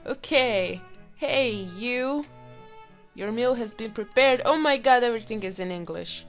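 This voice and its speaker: A woman plays through a game and comments on it, her voice hoarse and rough after being sick. She speaks slowly and in a somewhat high register, breaking into excited exclamations. Faint music plays under her voice. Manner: excitable, giggly, reacts with loud exclamations. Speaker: gaming video host. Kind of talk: let's play commentary.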